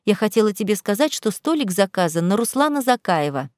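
A woman's voice: mid-range voice, sing-song, fairly quick, a little mellow, no echo, clean studio sound, natural voice. A woman voicing a scheming middle-aged mother who coos in a falsely affectionate way. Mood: fake sweet. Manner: cooing, put-on affectionate.

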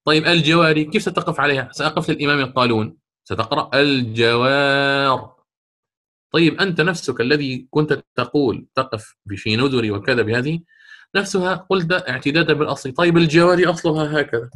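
A man teaching a lesson on Quran recitation rules, asking and answering his own questions and drawing out the recited words slowly. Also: on the high side, a bit bright. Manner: stretches recited words drawn out.

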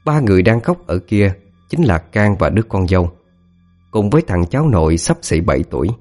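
A man telling a scripted ghost story in a dramatic, expressive way. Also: sits low, a little fast, faint music behind.

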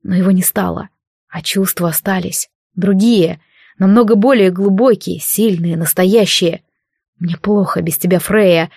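A woman's voice: medium pitch, fairly even intonation, a little slow, gravelly, a little mellow, breathy edge, dry recording, studio quality. A woman reading a firm young warrior leader. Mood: tender. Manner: firm, declarative. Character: proud resolute young male warrior leader. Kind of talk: audiobook character reading.

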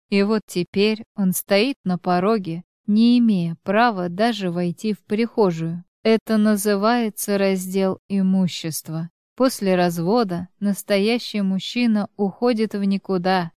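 A woman narrating an audiobook with an even, measured reading. Her voice is smooth and resonant at a middle pitch, recorded close and dry. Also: no room sound. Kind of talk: scripted narration.

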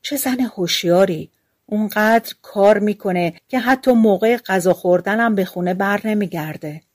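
A woman's voice: mid-range voice, a little mellow, dry recording, clean studio sound, lightly acted. A woman voicing a farmer husband musing to himself.

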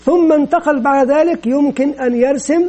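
A man giving an educational lecture on teaching methods, measured and explanatory, often repeating phrases for emphasis. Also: very high voice, warm tone, rough recording.

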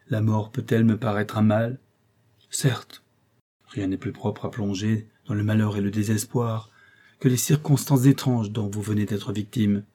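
Mellow-voiced male audiobook narrator. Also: lowish voice. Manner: measured, rising into emotional outbursts in dialogue. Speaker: audiobook reader. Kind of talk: scripted narration of a classic novel.

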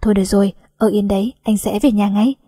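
A woman voicing a young male company chairman who asks gentle, worried questions, in an audiobook. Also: mid-range voice, fairly even intonation, quick pace, slightly rough, dry recording, clean studio sound, lightly acted.

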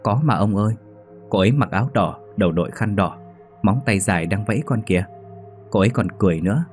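A man voicing an insistent three-year-old boy in a ghost story, in his own low voice. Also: fast talker, darkish tone, soft background music, close to an everyday voice. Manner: insistent, childlike.

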